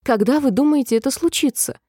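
Little girl of seven, polite and puzzled, played by a woman narrator; soft, mellow, lightly raised pitch. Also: fairly quick, no echo, clean studio sound, close to an everyday voice. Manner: polite, gently puzzled questions.

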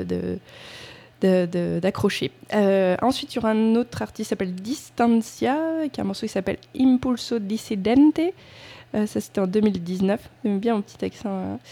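Hesitant woman radio host, gravelly and mellow. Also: mid-range voice. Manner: hesitant, many fillers and restarts, self-mocking. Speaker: radio host presenting music. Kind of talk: casual radio chat between tracks. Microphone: studio microphone.

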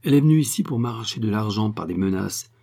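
A man's voice: on the low side, animated, fast, creaky, mellow, husky, heavily acted. A man voicing an impatient, stern English baronet who gives curt orders.

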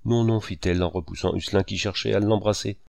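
A man narrates a classic novel in a measured, expressive way. His low, gravelly voice moves with lively pitch, and the sound is close and dry with no room echo. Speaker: audiobook reader. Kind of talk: literary audiobook narration.

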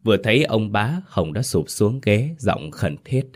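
A man narrating a scripted ghost story slowly and dramatically. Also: on the low side, very animated. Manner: slow, dramatic. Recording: narration over soft music.

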